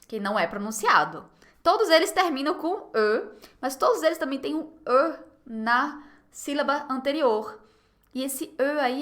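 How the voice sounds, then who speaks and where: A young Brazilian woman with a Brazilian Portuguese accent who teaches French online, encouraging and repeating words slowly for learners to copy. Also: high voice. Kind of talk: online language lesson.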